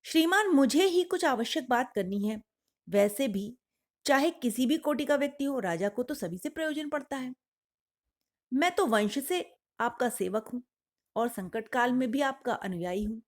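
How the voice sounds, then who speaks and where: A scheming male jackal courtier from a storybook, formal and persuasive as he lectures and flatters, voiced by a woman narrator. His tone stays measured and higher than expected. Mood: flattering.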